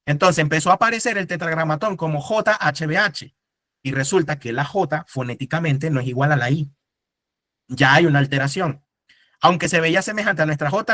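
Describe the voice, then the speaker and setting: Higher-pitched man teaching a class. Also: fairly bright tone, dry recording, studio quality. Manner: explanatory, asks the class rhetorical questions. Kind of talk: casual classroom lecture.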